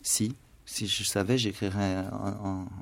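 A male writer giving a radio interview, hesitant, full of fillers and stammered restarts, sometimes dropping to soft asides. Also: on the low side, level tone, unhurried, vocal fry, slight background noise. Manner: trails off to soft, near-whispered asides. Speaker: writer and translator being interviewed. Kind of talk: radio interview, musing and literary. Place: radio studio.

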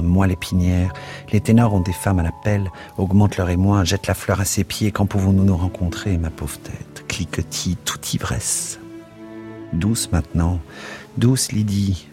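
A man with a deep, low voice reads literary prose aloud, expressive and rhythmic. He lingers over words and images. Faint music plays softly behind him. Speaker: narrator. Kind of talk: literary reading. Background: soft music.

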